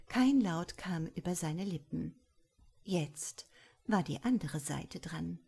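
A woman reading a story aloud as scripted audiobook narration, soft and measured. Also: fairly low pitch, breathy edge. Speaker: audiobook reader.

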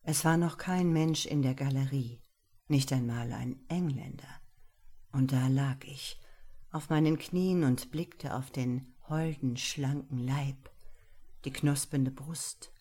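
A woman narrating a literary audiobook in a slow, hushed, intimate delivery. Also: rumbling low.

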